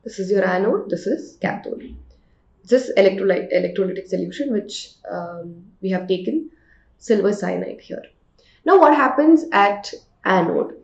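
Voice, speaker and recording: A woman's voice: medium pitch, expressive, moderate pace, vocal fry. A woman with an Indian accent teaching an exam revision lesson, explaining by asking questions and answering them herself. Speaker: chemistry teacher. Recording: echoey room, slightly dull sound.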